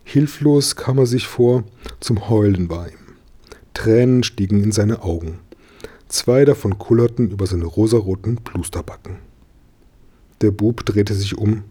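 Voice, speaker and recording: A man reading a children's storybook aloud in a calm, measured way. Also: lowish voice, breathy edge. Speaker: narrator.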